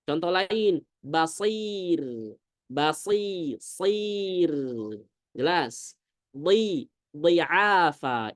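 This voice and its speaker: Male Quran teacher, slow demonstrations. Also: on the high side, no echo, clean studio sound. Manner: demonstrates Arabic sounds slowly, often checks "clear?". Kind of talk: tajwid lesson to a congregation.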